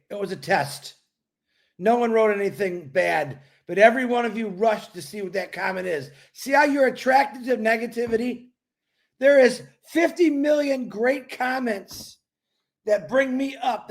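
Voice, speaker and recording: A man hosting a casual motivational livestream, talking in a rambling, animated way and laughing often. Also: extremely high pitch, gravelly. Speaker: livestream host.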